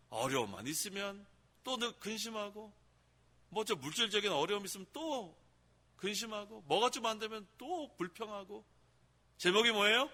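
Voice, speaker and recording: A man's voice: high-pitched, bright, forceful tone. A man pastor preaching a sermon in a church, often asking the congregation questions and repeating key phrases. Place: church sanctuary. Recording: echoey church hall.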